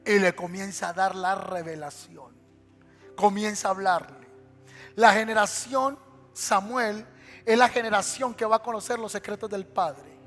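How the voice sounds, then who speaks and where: A man's voice: sits high, steady tone, unhurried, a bit bright. A male pastor preaching a dramatic sermon and acting out the scenes he tells. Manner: dramatic storytelling preacher who acts out scenes. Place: church sanctuary. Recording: reverberant church hall with faint music.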